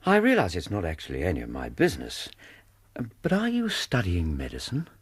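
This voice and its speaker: Courteous, easily exasperated English gentleman doctor, radio drama. Breathy rasp, wide expressive swings. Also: deep voice, a little fast, exaggerated voice. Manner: well-mannered, expressive, indignant when provoked.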